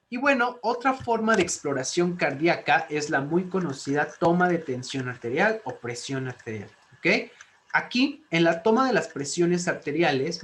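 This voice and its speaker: A man teaching a nursing class over slides, explaining step by step, repeating key points and often checking understanding with a quick "ok?". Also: fairly high pitch, a bit bright. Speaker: nursing instructor. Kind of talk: recorded slide lecture.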